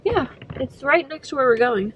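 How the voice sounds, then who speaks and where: A woman's voice: high-pitched, lively intonation, moderate pace, highs cut off, noisy background. A young woman in her twenties, stuffy and congested, chatting casually to camera with lots of fillers. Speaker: vlogger. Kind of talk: casual vlog chat.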